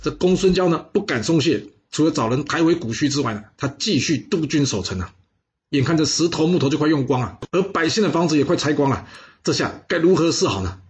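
A man telling a history story in a casual, lively, exclamatory way with chatty asides. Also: on the high side, fairly quick, highs cut off, soft background music.

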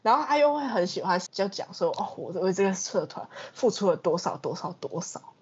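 A woman's voice: medium pitch, big pitch swings, fairly quick, husky, highs cut off. A young woman with a Taiwanese accent co-hosting a podcast in a chatty, teasing, colloquial way. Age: young adult. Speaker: podcast co-host. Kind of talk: casual chat.

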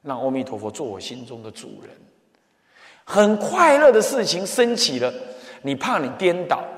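A man giving a Buddhist dharma talk as temple abbot, animated, acting out little scenes and sometimes dropping to soft murmured chanting. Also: a little high, normal speed. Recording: echoey hall with long reverb.

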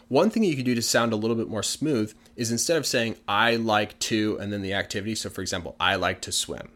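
This English teacher, a male native speaker, has a lowish, somewhat bright voice. He goes through language points patiently in a relaxed lesson, using plain words and lots of examples.

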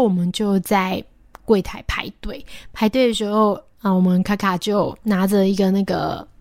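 A young woman, hosting a podcast and casually telling a story with many fillers and soft asides. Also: medium pitch, no room sound. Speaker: podcast host.

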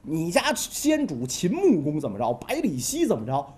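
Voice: medium pitch, huge pitch swings, moderate pace, a little mellow. A wheedling scholar-adviser in a comic history tale, put on by the storyteller, fawning and persuasive, keeps pushing for agreement. The lilt swings widely up and down. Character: scheming ambitious male scholar-adviser, persuasive.

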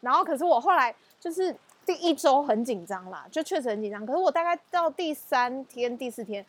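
This woman co-hosts a podcast, chatting casually with a Taiwanese Mandarin accent in a high voice at a fairly quick pace. She's animated, laughs a lot, and acts out family scenes. There's no room sound.

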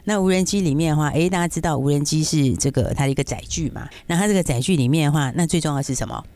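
Fast-talking Taiwanese man explaining stocks. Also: a little high, a little mellow, no room sound. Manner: explanatory, peppers talk with rhetorical check-in questions. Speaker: stock market analyst and teacher. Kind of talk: casual market commentary talk.

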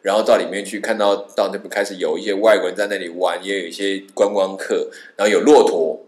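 A man's voice: deep voice, fast. A man from Taiwan, telling a travel story in casual chat and acting out the people in it. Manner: animated, acts out the people in his stories with a raised voice. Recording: roomy reverberant sound.

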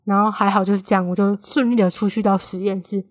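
Speaking quickly in a mid-range voice, this woman of twenty hosts a solo podcast and has a Taiwanese Mandarin accent. Her casual, chatty manner turns animated whenever she quotes her friends, and the studio audio is clean and dry.

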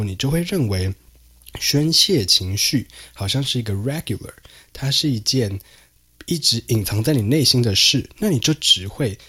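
A man with a mid-range voice, a sharp tone, and a breathy edge hosts a solo podcast. He explains and summarizes research conversationally, using frequent fillers and mixing in some English terms.

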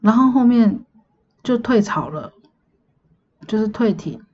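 Breathy woman telling a dream. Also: fairly high pitch, big pitch swings, a little slow, a little mellow, highs cut off. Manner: chatty, meandering, hedging recall. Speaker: podcast host. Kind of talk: casual storytelling of a dream.

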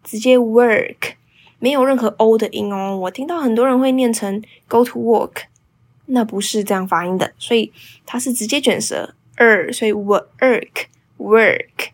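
A woman hosts a bilingual English speaking lesson. She slows down to model English pronunciation and then explains quickly. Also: on the high side. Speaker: English teacher and podcast host.

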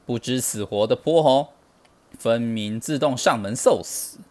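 A man's voice: medium pitch, a little slow, darkish tone, close to an everyday voice. A man voicing a huge, arrogant male demon king with a sneering manner, for a children's storybook.

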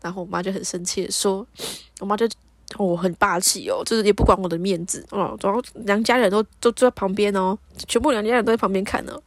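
A woman's voice: mid-range voice, quick pace, no echo. A woman hosting a podcast, casually telling a dream story and acting out the dialogue. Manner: animated, acts out the dialogue. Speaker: podcast host.

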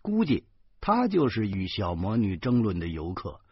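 A man narrating an audiobook in a lively, colloquial storytelling manner. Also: lowish voice, normal speed, slightly rough, no room sound, lo-fi sound.

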